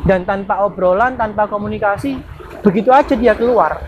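A woman telling a story in a casual, chatty way, often tagging sentences with quick questions to the listener. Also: medium pitch, highs cut off, slight background noise. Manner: chatty, frequent tag questions, restarts.

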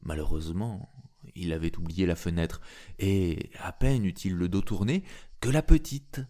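A man's voice: sits low, warm tone. A man reading a tale aloud in a theatrical storytelling manner, speaking to a listener. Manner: slow and theatrical, addressing a listener. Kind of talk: expressive storytelling.

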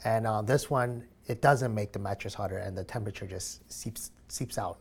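A young man tells a long personal story in relaxed conversation. He talks in an easygoing, chatty way and laughs often, with plenty of fillers and restarts. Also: fairly low pitch, normal speed, breathy edge. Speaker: guest sharing a mattress story. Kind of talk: casual chat.

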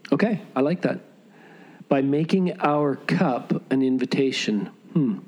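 A man's voice: mid-range voice, expressive, unhurried, darkish tone. A man hosting a casual podcast, asking probing questions in a playful, hesitant way. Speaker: podcast host. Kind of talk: casual conversation.

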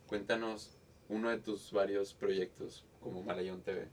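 A man's voice: lowish voice, little pitch movement, measured pace, no room sound. A man with a Mexican accent hosting a podcast, laid-back and slangy, mostly putting in short remarks and questions. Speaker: podcast host. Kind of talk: casual podcast interview.

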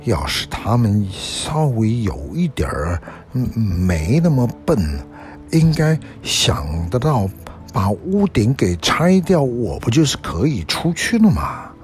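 A man voicing a curious, spirited little girl in a storybook reading, lively and musing to herself. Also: mid-range voice, slow, soft background music. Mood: curious, indignant.

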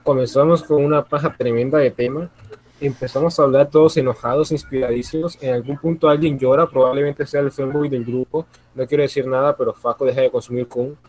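A man's voice: mid-range voice, fairly even intonation, a little fast, a little mellow, no room sound. A man hosting a comedy podcast, commenting with ironic, mock-solemn remarks. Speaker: podcast host.

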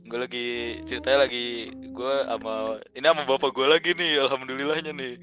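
A man's voice: mid-range voice, fairly even intonation, a little fast, a bit bright. Young guy, casual slangy storyteller, rambles and laughs a lot, music playing behind. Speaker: guest storyteller. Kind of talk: casual chat.

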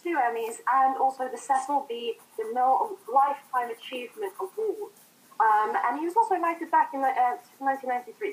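A woman's voice: high voice, poor audio. A woman giving an enthusiastic, rambling opening statement in a casual debate.

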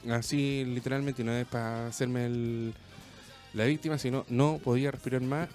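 Animated Chilean man telling a story. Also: medium pitch, moderate pace, soft background music. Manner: rambling, animated storytelling with slang. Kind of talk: casual chat, telling a story.

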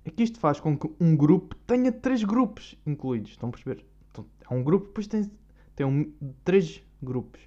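On a dull, lo-fi track, a young European Portuguese-accented man hosts a podcast in a loose, slangy monologue. His pitch is fairly high, his intonation lively, and his warm voice moves a little fast.

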